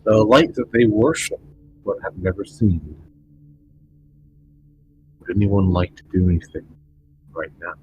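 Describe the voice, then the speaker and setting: Deep-voiced man on a bad connection. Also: soft background music, rough recording. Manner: halting, slow scene-setting with long pauses. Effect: bad connection, audio cutting in and out. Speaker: game master. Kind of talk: narrating a tabletop game over an online call. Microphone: headset or desk mic on a voice call.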